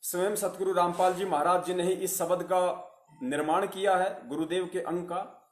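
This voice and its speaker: Male preacher, earnest repetitive delivery, fairly high voice, roomy echo. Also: steady tone, normal speed. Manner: earnest, repetitive, addresses listeners as virtuous souls. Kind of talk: devotional sermon.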